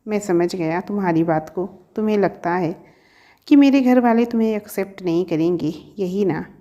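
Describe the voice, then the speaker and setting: A woman's voice: medium pitch, normal speed, dark tone, close to an everyday voice. A woman reading a storybook, voicing a young male professor who pleads and teases his sweetheart. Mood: teasing. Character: young man, a professor, earnest and teasing lover.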